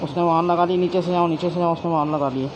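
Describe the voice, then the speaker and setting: Urgent young man gamer, slightly high. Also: fairly even intonation, quick pace. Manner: urgent, shouts warnings. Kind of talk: casual gaming chat. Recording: noisy gameplay audio.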